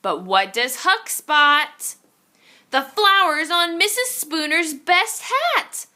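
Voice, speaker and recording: In a sing-song, high, sharp-toned voice, a woman slowly reads an animated children's story. She performs the picture book theatrically and suspensefully, drawing out her exclamations.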